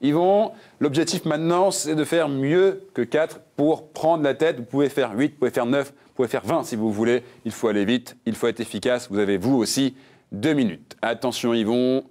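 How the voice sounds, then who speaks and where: A man's voice: medium pitch, a little mellow. A man hosting a religious quiz game show, reading questions and answer options with playful puns. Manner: playful, jokey, reads options briskly.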